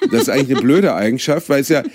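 Man, podcast co-host, animated storyteller, lively pitch swings, dry close sound. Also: very fast, dry recording. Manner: animated, acts out both sides of a quarrel. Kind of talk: casual comedy chat, storytelling.

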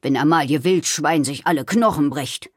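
A woman's voice: deep voice, normal speed, breathy edge, no echo, clean studio sound. A woman reading a prim, pedantic doctor. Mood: cautious. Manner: stiff, polite, pedantic. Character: cautious, formal male doctor.

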